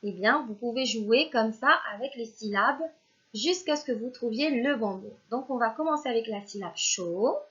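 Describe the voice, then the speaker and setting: Lady teacher doing a phonics lesson for little kids, high-ish voice, really slow, dull lo-fi sound. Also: fairly bright tone. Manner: slow and patient, sounding out syllables one by one; speaks directly to the pupils as if they are present, praising them. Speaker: primary school teacher. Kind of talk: recorded remote reading lesson for young children.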